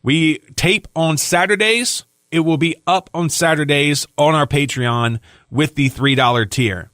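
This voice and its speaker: A man's voice: a little high, a little slow, fairly bright tone, no room sound. Male co-host, chatty and loose, tired, dry close mic. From Louisiana. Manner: chatty, loose, with filler words. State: tired, yawning. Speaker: podcast co-host. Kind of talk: casual podcast chat, reading sponsor plugs.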